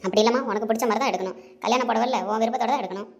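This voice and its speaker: Woman as a fussing auntie, talks super fast, coaxing and warm. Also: fairly high pitch, close to an everyday voice. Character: caring mother-in-law aunt. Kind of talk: family audio drama.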